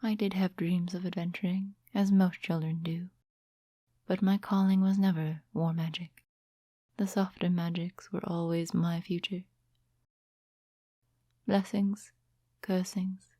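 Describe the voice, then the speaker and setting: A woman with a fairly low, whispery, breathy voice plays a composed, courteous and quietly mysterious witch in a soft-spoken ASMR fantasy roleplay. Her phrasing is gentle, formal and unhurried, and the recording is dry.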